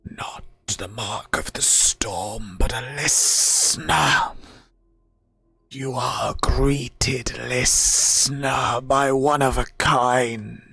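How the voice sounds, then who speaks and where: A man voicing a solemn, cryptic undead skull that guards a magic door in a tabletop game, with a rasping, breathy, booming voice. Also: steady tone, bright, forceful tone, no room sound, heavily acted. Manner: slow, drawn-out, cryptic pronouncements.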